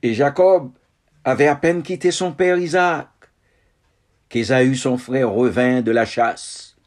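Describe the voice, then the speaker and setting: A man reading scripture aloud in a measured, solemn way, in short phrases. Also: mid-range voice, fairly even intonation. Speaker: Bible reader.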